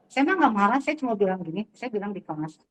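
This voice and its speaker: A middle-aged Sundanese woman teacher sharing classroom anecdotes in a lively storytelling way, acting out the dialogue. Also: mid-range voice, quick pace. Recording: distant, dull recording.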